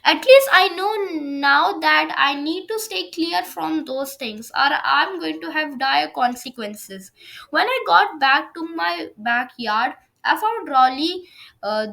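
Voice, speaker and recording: On her own video channel, a woman with a high, creaky voice and a sharp tone reads a first-person fan fiction story aloud. Her amateur read-aloud includes stumbles over the words.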